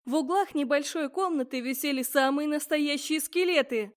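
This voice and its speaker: A woman reading a first-person fantasy audiobook aloud, expressive and voicing the characters as she goes. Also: sits high, normal speed. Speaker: audiobook narrator.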